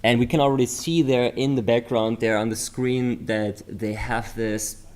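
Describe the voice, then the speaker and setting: A man's voice: medium pitch, steady tone, moderate pace, a little mellow. A man with a German accent commentating a live competition stream, explaining things eagerly with many fillers and restarts. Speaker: livestream commentator.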